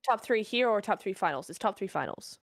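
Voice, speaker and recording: A woman co-hosting a live esports watch party with short, relaxed reactions and dry humor. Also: medium pitch, fairly quick, creaky, no room sound. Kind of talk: casual live co-commentary.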